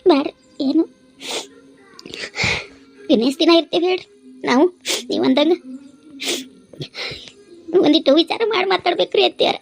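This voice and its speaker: A woman's voice: high-pitched, moderate pace, creaky, long pauses, faint music behind. A woman voicing a tearful young wife in a cartoon, speaking plaintively with a North Karnataka accent. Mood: weary. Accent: North Karnataka Kannada. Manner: plaintive, pleading. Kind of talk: cartoon voice acting.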